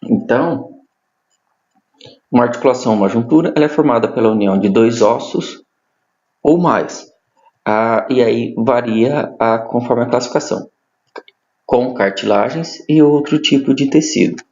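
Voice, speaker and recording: Gravelly man lecturing in an echoey room. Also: mid-range voice, a little mellow. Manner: measured, explains step by step with frequent tag questions. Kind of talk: recorded anatomy lecture. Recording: muffled roomy lecture recording.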